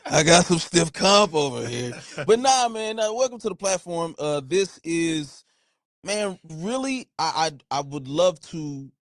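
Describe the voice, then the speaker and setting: A man's voice: fairly high pitch, unhurried, no room sound, studio quality. A man, hosting a podcast in casual, playful banter. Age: 30s. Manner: animated, playful banter, slangy. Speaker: podcast host. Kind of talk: casual chat.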